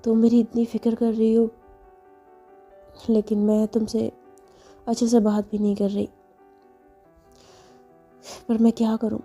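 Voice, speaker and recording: A woman voicing a flustered young woman in love, who stammers and rushes her words. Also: on the high side, monotone, warm tone, soft background music. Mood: sad. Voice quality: stammering, rushed when nervous.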